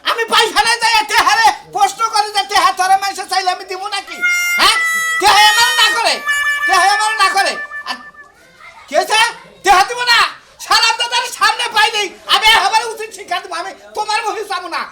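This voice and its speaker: A man's voice: very high-pitched, fast talker. A man playing a pushy creditor chasing a debt in a comic sketch, blustering and scolding. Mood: angry. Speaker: moneylender demanding repayment. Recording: noticeable background noise.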